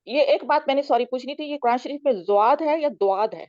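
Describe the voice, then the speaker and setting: Female student on a video call, halting word-by-word reader, higher voice, dry muffled audio. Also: a little mellow, no room sound. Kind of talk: reading verses with word-by-word translation.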